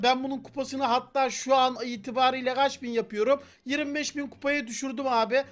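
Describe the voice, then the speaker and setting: A young man giving loud, slangy, playful gameplay commentary as a gaming channel host, shouting at his teammates. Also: very high-pitched. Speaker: gaming YouTuber.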